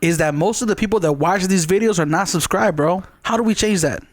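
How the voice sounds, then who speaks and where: A man's voice: high voice, fairly quick, dry recording, studio quality. A man co-hosting a podcast in a joking, casual way, reading a guest's bio aloud. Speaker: podcast co-host.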